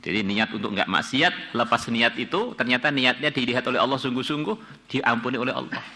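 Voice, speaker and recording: Bright-voiced preacher. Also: male voice, mid-range voice, fairly quick, creaky. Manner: reads Arabic text then translates it phrase by phrase; storytelling with sudden loud rises and quiet drops. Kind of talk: afternoon religious study sermon.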